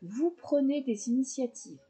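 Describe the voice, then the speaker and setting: A woman's voice: sits high, lively intonation, a little slow, dark tone, husky. A woman doing a casual tarot reading, talking straight to her viewers in a chatty way with frequent fillers. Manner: chatty, addresses viewers directly, many fillers. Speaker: tarot reader.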